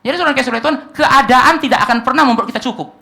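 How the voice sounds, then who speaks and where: A male pastor delivering a sermon, swinging between loud emphatic lines and quiet asides, acting out short dialogues in a lowered voice. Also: very fast, vocal fry. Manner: preaching with sweeping pitch swings, drops to quiet asides. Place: church hall.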